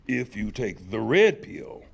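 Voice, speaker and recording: At a live table read, a male actor voices a solemn, cryptic underground-army leader in sunglasses and a leather coat, speaking with grave, mysterious, deliberate portent. His lowish voice is very animated and exaggerated, with vocal fry and a breathy edge, and faint noise fills the room.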